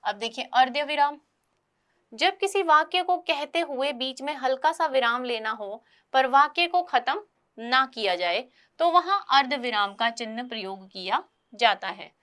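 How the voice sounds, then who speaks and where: A woman teacher giving a grammar lesson to children, explaining patiently and reading examples out slowly. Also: high-pitched, lively intonation, fairly bright tone.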